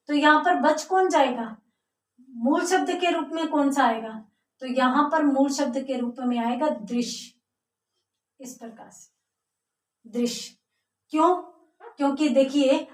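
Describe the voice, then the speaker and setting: A woman with a high voice, heard far from the mic, teaches a grammar lesson step by step and answers her own questions. The room is echoey.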